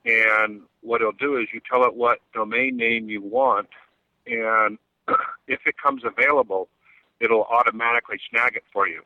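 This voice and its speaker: A man leaving a voicemail for a call-in show, talking in a conversational, slightly halting way. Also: medium pitch, steady tone, pushed and bright, no room sound. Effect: played voicemail message. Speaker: caller. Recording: dull lo-fi voicemail line.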